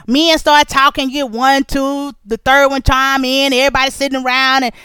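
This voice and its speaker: A woman with a high, sharp voice chats casually, taking listeners through a long story full of asides and repeated phrases. Her talk is lively and nosy in tone, and the sound is close and dry. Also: moderate pace, dry recording. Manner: chatty, nosy and animated, talking straight to listeners. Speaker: podcast host.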